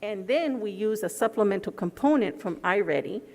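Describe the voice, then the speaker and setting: Speaking through a face mask that slightly muffles her, a woman gives a formal presentation and answers questions as a school program presenter. She is in a large indoor board meeting room with echoey acoustics, and her voice is medium-pitched, animated and darkish in tone at a normal speed.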